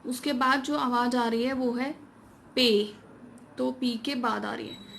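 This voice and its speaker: A woman with a fairly high voice explains a shorthand lesson step by step, mixing in English terms. She reads the English rules out slowly and carefully. Faint noise hums behind her. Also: gravelly. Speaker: shorthand teacher.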